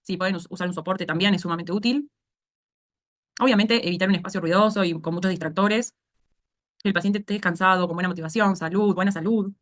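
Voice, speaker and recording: Rioplatense woman, speech therapy instructor, rapid explanatory lecture style with frequent check-ins. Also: fairly low pitch. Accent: Rioplatense Spanish. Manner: explanatory, asks "¿sí?" to check understanding. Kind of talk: online course lecture.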